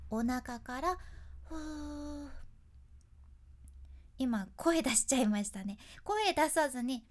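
Woman coaching how to talk on the phone, higher voice, bouncy and animated. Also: measured pace. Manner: lively, friendly teaching tone with demonstrations. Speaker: speaking coach, freelance announcer. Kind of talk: instructional talk to camera.

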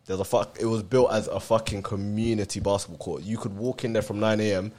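Low-voiced young London roadman, slangy and sweary. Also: fairly even intonation, fast, a little mellow. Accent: London roadman, multicultural London street. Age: young adult. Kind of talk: casual chat, storytelling with friends.

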